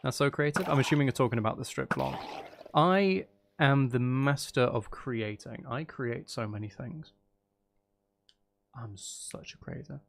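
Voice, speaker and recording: This man's voice sits at a medium pitch, unhurried and carrying some vocal fry, with slight noise in the background. As host of a gaming livestream, he muses out loud about his build and playfully banters with his audience, dropping the odd mild curse.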